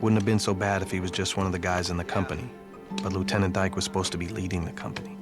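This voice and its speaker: War drama narrator, American soldier looking back, deep voice over score. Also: male voice, steady tone, rapid-fire. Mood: reflective, measured. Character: reflective American army sergeant recalling the war. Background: music.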